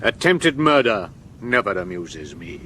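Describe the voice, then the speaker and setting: A man's voice: fairly low pitch, sing-song, unhurried, sharp tone, slight background noise, full character voice. A man playing a pompous, grandly theatrical actor turned detective in a 1970s radio drama. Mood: menacing. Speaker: amateur detective.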